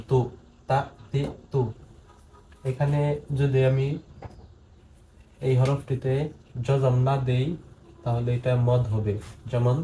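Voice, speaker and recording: A man teaching Quran reading, going slowly through syllables one by one in steady repetition. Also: medium pitch, a little hiss or hum, poor audio. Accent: Bangladeshi Bengali. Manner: slow, drilling syllables one by one in even repetition. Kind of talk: step-by-step recitation lesson.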